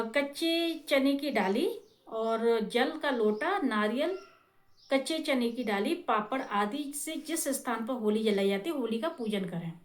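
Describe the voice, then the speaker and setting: A woman's voice: on the high side, roomy sound. A woman explaining festival rituals in a casual, explanatory way, often checking in with her listeners.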